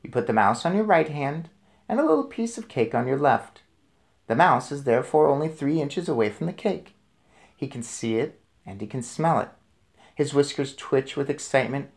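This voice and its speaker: This man's voice sits on the high side and has vocal fry. He reads a storybook aloud for children with casual asides, sounding chatty and enthusiastic as he quizzes his young audience.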